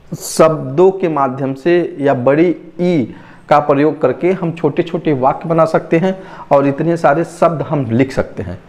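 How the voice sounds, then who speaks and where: A man's voice: fairly high pitch, a little mellow. A man teaching a phonics lesson, reading word lists aloud and repeating each word to stress how long the vowel sounds, on a dull lo-fi recording.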